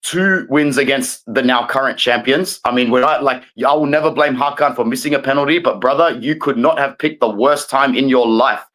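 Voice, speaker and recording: A man appearing as a guest fan, giving a passionate rant. He stays calm on the surface but presses every point hard, lecturing the other fans. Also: mid-range voice, fairly quick, hardly any pauses, rough recording.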